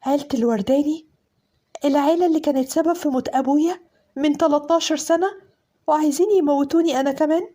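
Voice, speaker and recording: A woman with an Egyptian accent tells a dramatic first-person story, her voice sitting high. She is emotional and pleading, rising in fear as she speaks. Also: quick pace, dark tone. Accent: Egyptian Arabic. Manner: emotional, shifting into fearful pleading.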